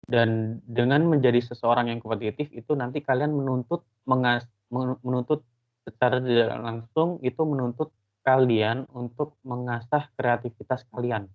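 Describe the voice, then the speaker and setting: A man's voice: mid-range voice, fairly even intonation, moderate pace. Guy lecturing online, chatty with lots of uh's, mid voice, sounds like a phone line. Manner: casual, explanatory, frequent fillers. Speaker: university lecturer.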